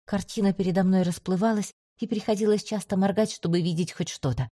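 A woman reads a first-person adventure story aloud with a steady, even delivery. Her voice is mellow and dark, recorded dry and close with no room sound. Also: medium pitch, fairly quick, no echo. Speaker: audiobook narrator. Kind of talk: first-person scripted narration.

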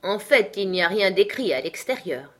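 Lady doing a nervous polite rabbit servant, kinda high and eager. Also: sing-song, fairly bright tone. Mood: respectful. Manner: deferential, quick, fussy.

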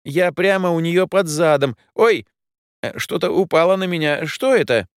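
A man's voice: lively intonation, moderate pace, clear, resonant tone, no echo, clean studio sound. A man voicing a talking robot scooter, melodramatic and whiny. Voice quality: shrill, melodramatic wailing.

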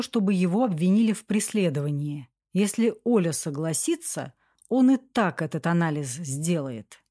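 A woman reading an audiobook as narrator in a steady, even storytelling manner. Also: medium pitch, dry recording, studio quality. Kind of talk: scripted narration.

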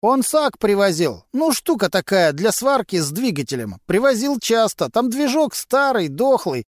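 A man's voice: sits high, very animated, normal speed, no echo, studio quality, voice pushed up. A man voicing a cocky, mocking male mechanic who talks in thieves' slang, in an audiobook. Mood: brash. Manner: mocking, brash, full of criminal slang.

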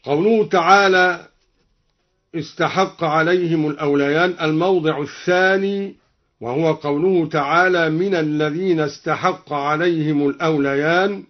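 A man teaching the readings of Quranic verses in a radio lesson, explaining each point in a measured, scholarly way and chanting the quoted verses. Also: on the high side. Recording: muffled old radio broadcast recording.

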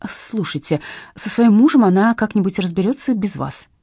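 A woman reading a cool, sharp-tongued young woman who cuts others short. Her voice is husky and darkish, in a dry, close recording. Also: medium pitch, lively intonation, moderate pace, no echo. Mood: impatient. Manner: cool and impatient.

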